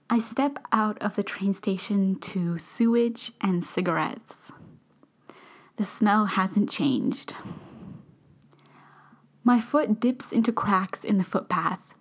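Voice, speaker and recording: Woman, story narration, unhurried, often whispered, mid pitch. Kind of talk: first-person story reading.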